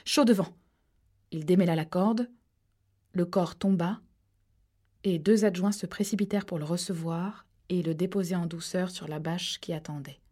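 Low mellow woman narrating a thriller. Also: fairly even intonation, normal speed. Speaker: audiobook narrator. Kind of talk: scripted narration.

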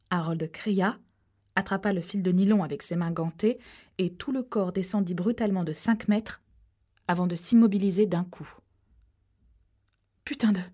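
Woman reading a creepy thriller, lowish voice, dark and mellow. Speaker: audiobook narrator. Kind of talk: scripted narration.

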